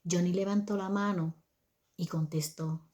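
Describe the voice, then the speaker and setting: A woman's voice: lowish voice, fairly even intonation, unhurried, dark tone. An older woman telling viewers a family story about raising her son, in a conversational manner that often checks in with listeners.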